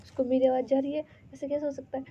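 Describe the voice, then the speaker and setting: Woman voicing a dramatic, panicky young girl; mellow, dark tone. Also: high-pitched, little pitch movement, fast, muffled recording, slight background noise, pitched above the performer's own voice. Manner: frantic, repeating herself.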